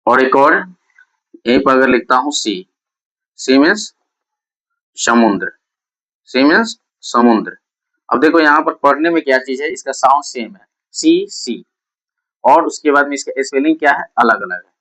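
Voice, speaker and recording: A man teaches vocabulary in the manner of a classroom lesson. His voice is mid-pitched. He keeps asking his own questions and answering them, going over each point several times. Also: lively intonation, a little slow, pauses often, fairly bright tone, rough recording. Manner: repeats questions and answers them himself, drilling key points. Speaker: English tutor. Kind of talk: classroom-style lesson explaining English words.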